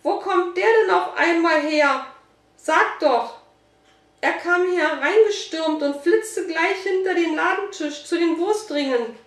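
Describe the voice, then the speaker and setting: A woman reading a storybook voices a panicked female butcher-shop saleswoman with shrill, frantic shouting. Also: lively intonation, a little slow. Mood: flustered. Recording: roomy, distant mic.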